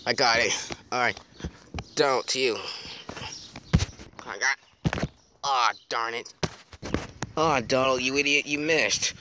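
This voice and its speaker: A man's voice: medium pitch, fairly even intonation, a little slow, pauses often. A young man improvising playful, casual, slangy dialogue for plush toys, recorded outdoors on a handheld device. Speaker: puppeteer voicing plush toys. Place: grassy backyard outdoors. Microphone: handheld phone or camera close by. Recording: outdoor handheld recording with clear background noise.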